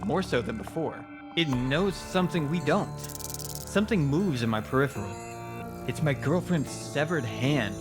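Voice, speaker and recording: A man giving a dramatic, scripted first-person narration of a horror story, with deliberate pauses. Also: mid-range voice. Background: music.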